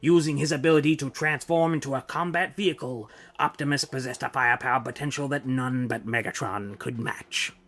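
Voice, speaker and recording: A man's voice: medium pitch, steady tone, a little fast, few pauses, a bit bright. A man giving a dramatic, grandiose scripted narration of a comic book. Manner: grandiose, declaiming.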